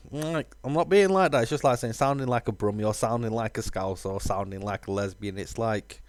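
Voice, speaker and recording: A man streaming a game, talking casually in a rambling, halting way with lots of fillers. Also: on the low side, no echo. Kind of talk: casual live-stream chat.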